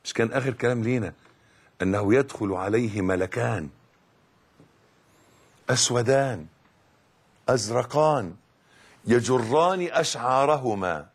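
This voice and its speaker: A middle-aged man with an Egyptian Arabic accent giving a religious lesson as a preacher, emphatic and dramatic, dropping to a hush and then rising loud. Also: medium pitch, animated, measured pace, long pauses, breathy edge. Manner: emphatic, dramatic swings between hushed and loud.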